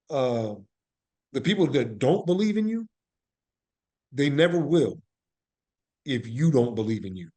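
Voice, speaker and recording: This podcast guest, an actor and playwright, has a slightly high, slightly mellow male voice. His interview answers are reflective, earnest and motivational, and he repeats phrases for emphasis.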